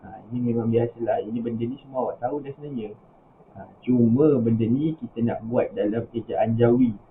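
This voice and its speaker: A man's voice: mid-range voice, brisk, a little hiss or hum. A man with a Malaysian Malay accent teaching an online religious school class, patiently explaining step by step over a video call. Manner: patient, explains step by step with rising example questions. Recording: tinny phone-like video call audio.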